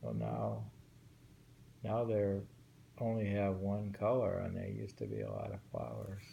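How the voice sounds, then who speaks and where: Reading translated poetry and reflecting on it as he goes, a man from New York sounds hesitant, as if thinking aloud. His voice is fairly low, gravelly and mellow, animated but a little slow, and the audio is dull with faint background noise.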